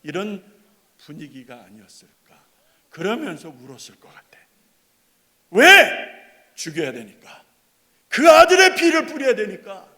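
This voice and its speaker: A man preaching a sermon as pastor, dramatic, swinging between loud bursts and hushed tender lines. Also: on the high side. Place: church sanctuary. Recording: long hall reverb.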